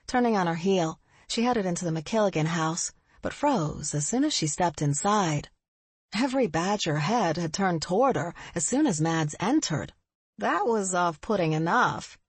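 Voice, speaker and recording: A woman narrating an audiobook in an expressive, husky voice on a close studio mic. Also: on the low side, moderate pace, no echo.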